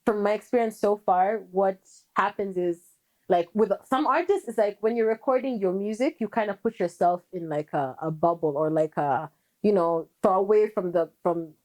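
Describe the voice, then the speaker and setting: A young woman from Kenya with an American-tinged accent, chatting candidly as a guest musician in a casual interview, quick and rambling with many fillers. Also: mid-range voice, a little mellow.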